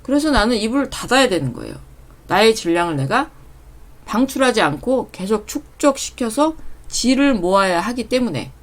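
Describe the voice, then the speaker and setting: Calm woman teaching in a measured voice. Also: fairly high pitch. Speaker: channel host reading her own spiritual essays. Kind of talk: explanatory spiritual talk.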